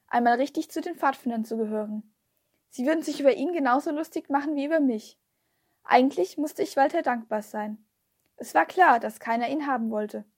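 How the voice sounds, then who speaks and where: A woman narrates a storybook aloud with a high, light voice. She reads in a steady, expressive way. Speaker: audiobook reader. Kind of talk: scripted narration.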